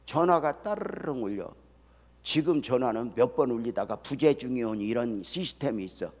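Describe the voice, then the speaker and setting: An older man, a retired pastor, preaching an early-morning sermon in a folksy storytelling way that swings from soft to loud. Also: mid-range voice, lively intonation, moderate pace, big-room sound. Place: church sanctuary.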